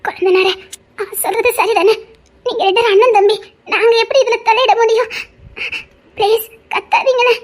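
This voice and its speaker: An actress playing an anxious young wife who begs the men of the family to calm down and stop fighting in a TV serial. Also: female voice, very high-pitched, moderate pace, pauses often. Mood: pleading. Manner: pleading, urgent, near tears. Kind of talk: TV serial acting.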